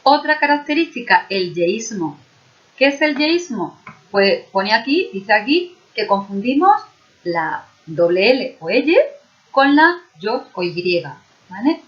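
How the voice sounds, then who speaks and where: A woman's voice: on the high side, big pitch swings, takes it slowly, lo-fi sound. Andalusian woman teacher, patient explanations. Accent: Andalusian Spanish. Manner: explains patiently, checks understanding with frequent "¿vale?". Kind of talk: video lesson.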